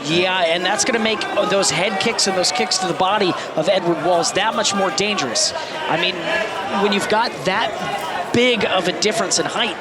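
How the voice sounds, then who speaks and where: Guy chatting through fight commentary, higher pitched, really loud noise all around. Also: moderate pace, a loud crowd. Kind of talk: sports commentary, conversational co-commentary. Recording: very noisy live event background.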